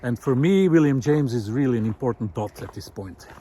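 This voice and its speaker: A man vlogs while walking in a snowy park, offering reflective, unscripted thoughts with hesitant phrasing. He speaks a little fast at a medium pitch, with lively intonation and a dark tone, over slight background noise.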